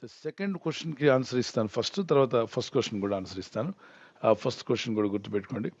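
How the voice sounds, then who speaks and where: A man's voice: mid-range voice, quick pace, darkish tone, no room sound, muffled recording. A man speaking as a pastor in a Bible question-and-answer talk, earnest and often putting questions to the listener before answering them. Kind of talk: Bible Q&A teaching.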